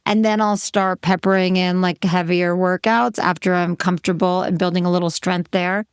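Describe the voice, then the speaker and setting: A woman's voice: lowish voice, steady tone, moderate pace, clear, resonant tone, dry recording, studio quality. A woman co-hosting a podcast, chatting casually with a Jersey accent and telling stories. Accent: New Jersey. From New Jersey. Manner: chatty, storytelling, quotes herself. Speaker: podcast co-host. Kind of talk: casual chat.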